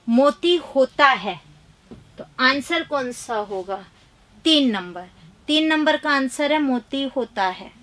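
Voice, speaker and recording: A high-pitched woman runs a live exam-prep grammar class. She reads questions and their options quickly, urges students to answer, and chides them for rote learning in an emphatic teacher's tone. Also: a bit bright. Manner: brisk quizzing, reading options and answers aloud; chiding, emphatic.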